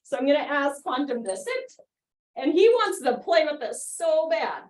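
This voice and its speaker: High-voiced woman teaching dog training. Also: sing-song, normal speed. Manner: chatty, giggly, gives short cues to a dog. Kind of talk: live online training demo. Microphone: video call.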